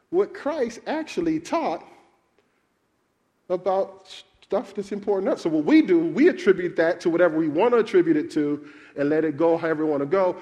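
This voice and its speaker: Male preacher, sermon, high-pitched, lively intonation, call-and-response questions. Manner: animated, calls out questions to the congregation.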